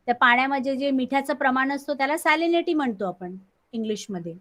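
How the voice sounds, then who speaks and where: A woman teacher with a Marathi accent, explaining slowly in an online class, heard on a screen recording of the call. She repeats key terms and often clears her throat. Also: high voice, fairly bright tone.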